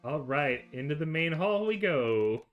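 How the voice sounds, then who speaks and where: A man's voice: a little high, expressive, unhurried, muffled recording, faint music behind. A man chatting casually and jokingly as co-host of a video game read-aloud.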